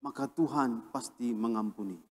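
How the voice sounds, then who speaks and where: A man from Indonesia, a pastor, preaching a sermon with emphatic swings between a raised and a lowered voice. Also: normal speed, big-room sound. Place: church.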